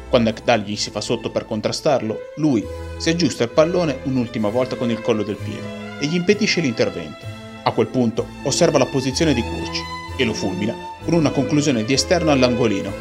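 A man narrating a scripted, play-by-play retelling of football action. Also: mid-range voice.

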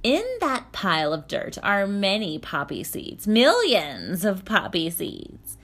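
A woman voicing a commanding, sarcastic old witch who speaks slowly and emphatically. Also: mid-range voice, wildly swooping pitch, a bit bright, heavily acted. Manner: slow, emphatic, nasal sarcastic drawl.

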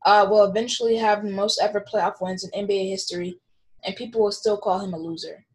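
A woman's voice: mid-range voice, lively intonation, fast talker, vocal fry, poor audio. A young woman in casual chat, talking in slang like a keen sports fan.

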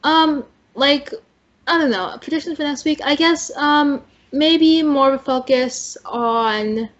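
A woman's voice: high voice, slow pace, dull audio. A woman hosting a casual TV recap chat, easygoing and hedging with fillers as she passes questions around. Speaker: podcast host.

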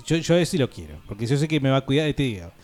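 A man's voice: medium pitch, very animated, racing, darkish tone, soft background music. Joking Argentine radio host, man. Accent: Argentine Spanish. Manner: joking, rambling, swears freely. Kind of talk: casual radio banter.

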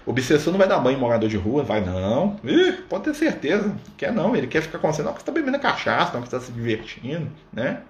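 A man's voice: a little high, wildly swooping pitch, quick pace, few pauses. A man leading an informal religious study on a livestream. He talks conversationally and keeps checking in with his listeners. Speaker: spiritist study leader. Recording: echoey room with faint background noise.

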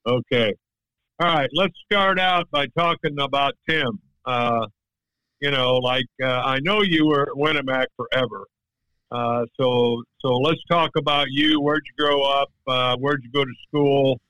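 A male podcast host runs a casual interview, stopping and starting with frequent fillers. His voice is bright and forward. The recording is dry. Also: medium pitch, no room sound, low-quality recording. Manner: relaxed, halting, with fillers.

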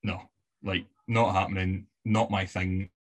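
With a low pitch, level tone and measured pace, a west of Scotland man chats as a podcast guest. It's a casual interview, and he tells stories with easy fillers and laughs.

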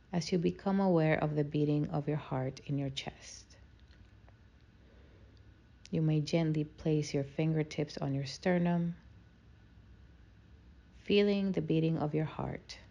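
A woman leading a guided meditation in a slow, soothing, calming manner. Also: low-pitched, creaky, lo-fi sound.

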